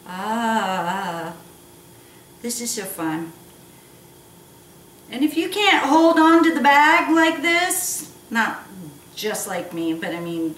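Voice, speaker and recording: A woman's voice: on the high side, a bit bright. A woman hosting a casual cooking lesson with a jokey, playful manner and teasing asides. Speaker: cooking show host. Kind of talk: casual instructional cooking chat. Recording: echoey room, distant mic, noisy background.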